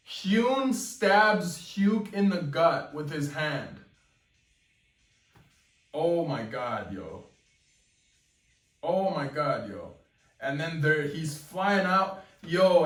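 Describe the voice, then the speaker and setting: An excitable young man narrates a webcomic chapter and reacts to it as he goes, talking slowly with a fairly high voice. He sounds a little off-mic in an echoey room, with faint music underneath. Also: far from the mic. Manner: excited, exclaims "yo" often. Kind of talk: live reading reaction.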